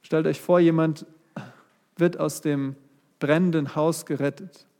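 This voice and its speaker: A man's voice: fairly high pitch, steady tone, unhurried, darkish tone. A man preaching a sermon and reading a psalm aloud, speaking straight to his congregation and lifting his voice on key words. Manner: addresses the congregation directly, rising voice on key words.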